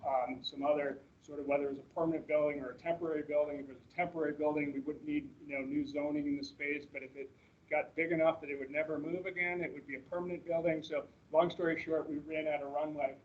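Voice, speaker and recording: A man's voice: on the high side, level tone, fast, narrow, tinny audio. A man giving an informal, conversational staff presentation with slides, explaining things as he goes, on a meeting recording. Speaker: presenter, manager at a ski resort. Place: in-person meeting room, streamed to online attendees.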